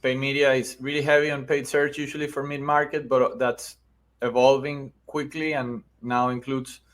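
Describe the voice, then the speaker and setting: This podcast guest, a middle-aged man who founded a marketing agency, has a Venezuelan accent and a mid-range, slightly bright voice. He speaks at a moderate pace in a level tone, explaining conversationally in the interview and regularly checking in with "right?".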